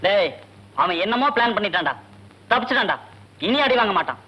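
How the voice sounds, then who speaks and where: A man's voice: high voice, lively intonation, a little fast, pushed and bright, rough recording. A man playing a pushy friend in a comedy film scene, egging his buddy on.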